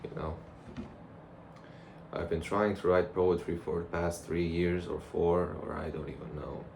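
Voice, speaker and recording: A man's voice: sits low, fairly even intonation, a little slow, darkish tone. A young man rambling casually and reflectively to a camera, in a loose conversational monologue. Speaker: vlogger. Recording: clear background noise.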